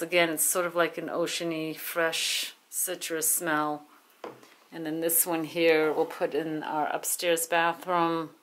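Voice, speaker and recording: A New England woman vlogger narrates casually, showing off food, a farm market and her shopping finds with chatty, enthusiastic show-and-tell. Her voice sits low with a fairly bright tone, and the setting moves between a farm market barn and her home table.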